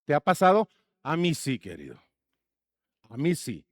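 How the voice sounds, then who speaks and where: A man's voice: a little high, huge pitch swings, unhurried, no room sound, clean studio sound. A man preaching a sermon as pastor, asking the congregation questions and slipping in jokes. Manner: asks the congregation questions and jokes between points.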